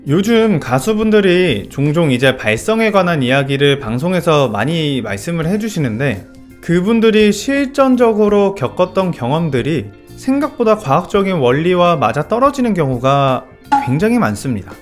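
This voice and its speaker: Male vocal coach, fairly high, very animated intonation, methodical lesson delivery. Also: normal speed, faint music behind. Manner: clear, methodical explaining with technical terms.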